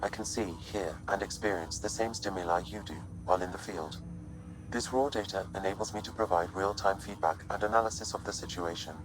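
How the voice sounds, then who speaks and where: Deep computer-processed ai guy in a game, calm and precise, flat formal way of talking. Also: poor audio. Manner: measured, formal, unemotional delivery. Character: calm male artificial intelligence, precise and literal. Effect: computer-processed synthetic voice. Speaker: ship's AI companion. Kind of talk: video game voice acting.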